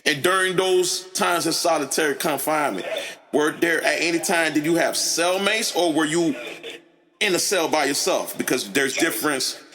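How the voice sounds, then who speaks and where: A man hosting a podcast, asking deliberate, probing interview questions. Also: on the high side, over music. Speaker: podcast host. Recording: reverberant with faint noise.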